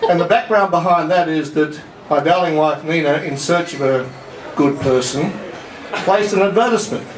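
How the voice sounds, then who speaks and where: Older Australian man giving a jovial wedding toast, slightly high voice, heard from afar in an echoey room. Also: normal speed. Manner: jovial storytelling, chuckling between lines. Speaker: wedding guest speaker. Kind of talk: wedding speech. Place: yacht club reception hall. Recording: echoey hall, distant mic, background noise.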